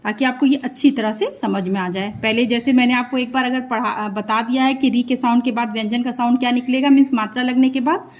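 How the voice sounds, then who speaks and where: Young female teacher, high voice, patient, spells out syllables slowly for young learners. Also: steady tone. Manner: patient, spells sounds out slowly, often says sorry and "means". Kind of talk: online Hindi lesson for children.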